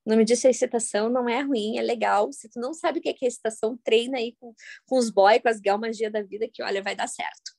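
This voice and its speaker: A woman, giving a live workshop talk to an audience, telling stories in a jokey, animated way with sudden loud, high bursts. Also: fast talker, creaky. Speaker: workshop facilitator.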